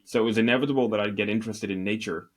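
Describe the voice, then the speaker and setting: Speaking very fast with fairly even intonation, this Northeast Scottish guest answers interview questions about his e-commerce journey in a frank, self-mocking, chatty way. His pitch is fairly low.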